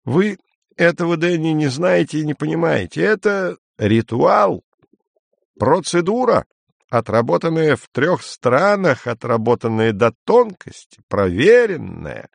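A man reading an audiobook, voicing an excitable, brash man in a high, drawn-out, insistent voice. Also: gravelly, dry recording, exaggerated voice. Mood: lecturing.

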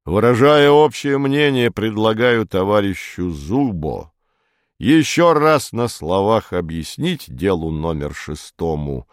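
A man voicing a pompous, heavy male committee chairman who talks slowly with grunting pauses. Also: on the low side, dry recording, clean studio sound, heavily acted. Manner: slow, ponderous, grunting pauses.

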